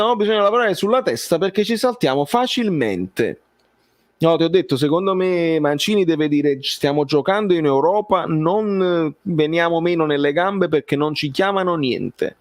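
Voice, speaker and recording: A man hosting a football live stream, chatting casually as he answers viewers, often halting and repeating his phrases. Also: fairly high pitch, animated.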